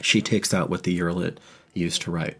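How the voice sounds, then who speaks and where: Deep-voiced man narrating as game master. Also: steady tone, vocal fry, sharp tone, husky, soft background music. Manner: vivid, descriptive narration with pauses.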